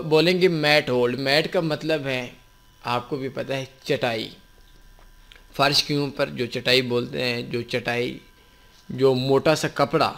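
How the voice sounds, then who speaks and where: A man walks through a candlestick chart in a tutorial. He explains patiently and repeats points as he goes. His voice sits at a middle pitch. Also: fairly bright tone. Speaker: forex trading instructor. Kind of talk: screen-recorded tutorial explanation.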